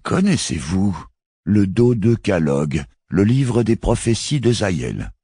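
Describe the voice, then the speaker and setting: A man voicing a grave, measured religious leader in an audiobook. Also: lowish voice, sing-song, warm tone, slightly rough, no echo, studio quality, pitched above the performer's own voice, full character voice. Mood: solemn. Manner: solemn, measured.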